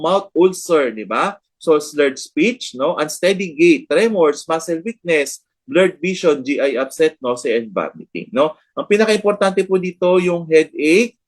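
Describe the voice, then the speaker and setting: A man's voice: fairly high pitch, lively intonation, unhurried. A man with a Filipino accent giving a nursing board review lecture, checking in with "no?" and "di ba?" after nearly every point. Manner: mixes English terms into Tagalog, tags lines with "no?" and "di ba?".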